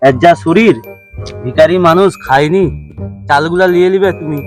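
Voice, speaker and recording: A man's voice: fairly high pitch, moderate pace, soft background music, lightly acted. A man playing a sly, self-justifying drinker in a village comedy skit, sounding aggrieved. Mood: sly, wheedling. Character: defensive, sly village drinker who sells household rice.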